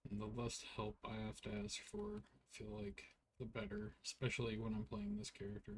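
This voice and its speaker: A man's voice: on the low side, sing-song, a little fast, vocal fry, slight background noise. Tired, rambling male game streamer. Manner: laid-back, rambling, heavy use of "like". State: tired, yawning. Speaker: streamer playing an online RPG. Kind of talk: casual gameplay commentary.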